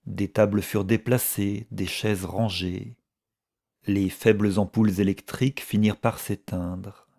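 A man reads a story aloud in a measured, even manner. His voice sits low, with a dark, mellow warmth. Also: creaky. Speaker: narrator. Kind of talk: audiobook reading.

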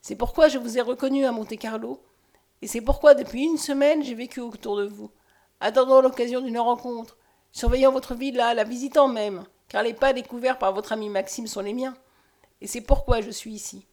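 Woman reader doing a haunted, pleading man with no memory; earnest, slightly high. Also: fairly even intonation, moderate pace, a little mellow, natural voice. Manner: earnest, impassioned.

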